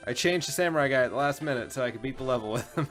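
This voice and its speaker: Fast-talking and fairly bright in tone, this medium-pitched male co-host plays on a game show while cursing freely in loose, informal commentary. Game music runs underneath.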